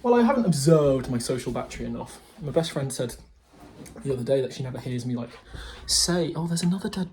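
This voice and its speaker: A man's voice: mid-range voice, animated, brisk, a little mellow. A man, chatting casually into a handheld phone, rambling and restarting his sentences. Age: 20s. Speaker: vlogger. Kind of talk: casual vlog. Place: house and garden at his grandparents'.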